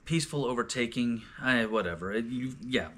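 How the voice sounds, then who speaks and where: Hosting a casual, unscripted scripture reading discussion, a man often searches for words and restarts his sentences. His voice is medium-pitched, brisk, pushed, and bright.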